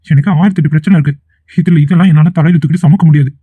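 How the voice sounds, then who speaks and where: A man's voice: sits high, brisk, no room sound, phone-quality sound. A man voicing an impatient young male student. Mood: impatient, dismissive. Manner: dismissive, impatient. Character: defensive young male college student, dismissive. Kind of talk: cartoon voice acting.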